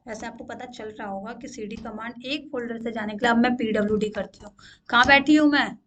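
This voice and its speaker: Young woman instructor, high voice, patient step-by-step screen-share teaching with frequent check-ins, faint noise. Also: steady tone, a little fast, fairly bright tone. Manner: repeats "ठीक है" to check in, asks questions aloud. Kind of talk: screen-share coding tutorial.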